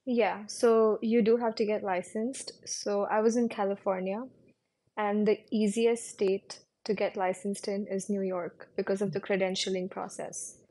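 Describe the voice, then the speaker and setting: Speaking at a measured pace with a mid-range voice, a young physical therapist from India responds to an interviewer casually and conversationally. She frequently softens her points with "like" and "you know."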